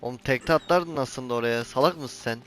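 A man's voice: mid-range voice, brisk, a bit bright, soft background music. A man commenting on his own gameplay in a casual let's-play, scolding the character he controls and cursing when jumps fail. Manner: exasperated, scolds the game character and swears at the camera. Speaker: gaming channel host.

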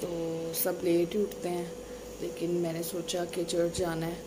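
In a small room at home, a young adult woman talks to the camera of a phone held at arm's length, chatting casually to her viewers. She vlogs and teaches Sunday school. Her lowish voice is completely flat and measured, and background noise can be heard.

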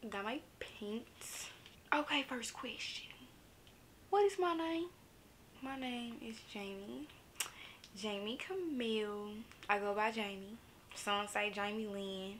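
A woman in her twenties from Memphis, Tennessee, speaks with a Southern accent in a get-to-know-me vlog, laid-back and laughing often. Her voice is medium-pitched, slow, and a bit bright. Slight background noise is present.

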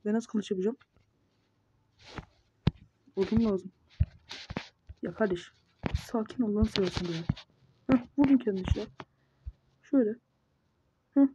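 A woman's voice: mid-range voice, a little slow, pauses often. Woman muttering through gameplay, lo-fi. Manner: mutters running self-talk, scolds the monsters. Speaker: gamer. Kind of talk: casual gameplay commentary. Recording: dull lo-fi mic with noise.

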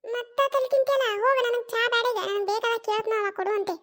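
Performer doing a stubborn cartoon mother-in-law: North Karnataka Kannada accent, shrill, brisk scolding. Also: steady tone, fairly bright tone. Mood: irritated. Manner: scolding, refuses stubbornly, drawn-out retorts. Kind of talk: cartoon comedy skit.

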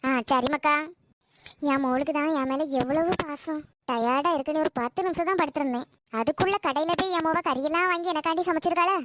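Woman acting out a grumpy suspicious old mum, very high voice, slight hiss behind. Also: fast talker, lightly acted. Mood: touched. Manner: nagging and sharp-tongued. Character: scolding, suspicious old village mother. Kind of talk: comedy skit acting.

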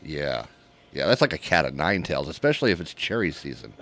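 Deep-voiced jokey male radio co-host. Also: big pitch swings, a little fast, a bit bright. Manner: jokey, reads listener answers, laughs a lot. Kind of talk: casual morning radio chat.

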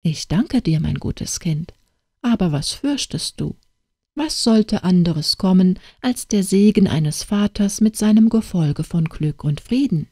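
A woman's voice: fairly low pitch, animated, unhurried, dark tone, dry recording, clean studio sound. A woman voicing a stern old father in an audiobook tale, speaking in a reproachful, urging way. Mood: tender.

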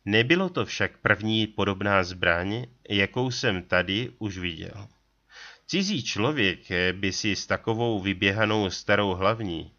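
A man reading an adventure story aloud in a steady, deliberate narrating style. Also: lowish voice, lo-fi sound. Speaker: audiobook reader.

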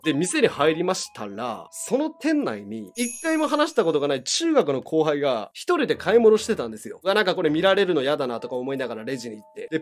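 A man, telling a comic story in an animated, self-mocking way with punchy asides. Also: a little high. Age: 20s. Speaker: YouTuber.

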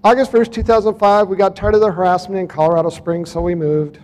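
A man with a fairly high yet mellow, dark-toned voice tells his story at a conference in a loose, chatty way. He reads out dates and turns to the crowd now and then. His voice rings out with a long hall reverb. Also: level tone, fast. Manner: casual storytelling, reading out dates, addressing the audience. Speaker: speaker at a UFO conference. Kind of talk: conference talk presenting photos and clips.

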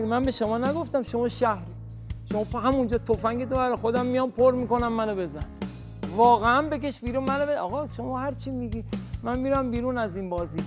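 Nervous woman pleading and apologizing. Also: high-pitched. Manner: pleading, apologetic, rambling self-defense. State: nervous, shaking. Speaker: game player.

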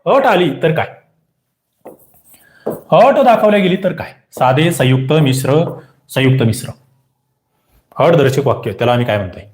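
Man, young adult, exam-prep teacher, lively and insistent, echoey room. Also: fairly high pitch. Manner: quizzing, repeats questions and pushes for quick answers. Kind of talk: live online grammar class.

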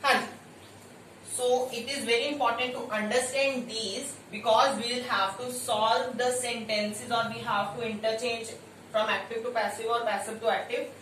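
A woman with an Indian accent teaching a lesson in a deliberate explaining manner, often checking that listeners follow. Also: fairly high pitch, fairly bright tone, slight background noise. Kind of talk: instructional grammar lesson, mixing English and Hindi. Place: indoor room with bare walls. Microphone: distant camera microphone. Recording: very echoey room, distant microphone.

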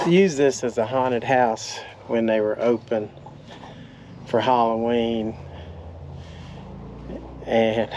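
An older man casually narrating a travel vlog outdoors, talking slowly and folksily with fillers, into a camera at arm's length. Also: medium pitch, slight background noise. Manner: slow, relaxed, folksy with fillers. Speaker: travel vlogger. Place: outdoors at an abandoned amusement park.

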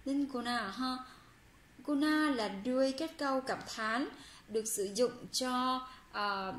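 High-voiced woman teaching in a roomy space. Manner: patient, repeats phrases slowly for learners; reads Korean example sentences quickly. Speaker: Korean language teacher. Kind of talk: explaining a language lesson. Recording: roomy with faint background hum.

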